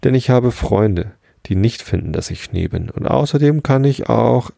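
A man's voice: mid-range voice, lively intonation, normal speed, creaky, warm tone, no echo, clean studio sound. A man doing a cheeky little rabbit. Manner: cheeky, defiant.

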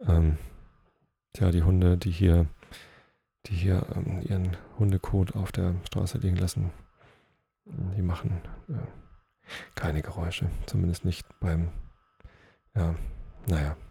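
A man with a low, gravelly, very dark voice reads a bedtime story slowly and calmly. His tone is a little husky. The recording is dry and close. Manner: slow, calm reading with occasional slips. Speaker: podcast host and story reader.

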